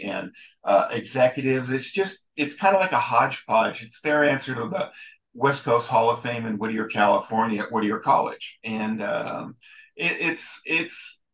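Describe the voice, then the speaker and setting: A man being interviewed as a guest photographer and historian, talking casually in a rambling, halting way with many restarts. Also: on the low side, a bit bright, low-quality recording.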